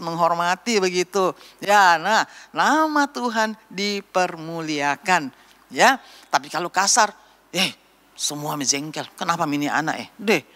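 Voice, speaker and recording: Bright-voiced older woman teaching Sunday school. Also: mid-range voice, in a large hall. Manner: lively, acts out children's voices. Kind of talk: children's Sunday school talk.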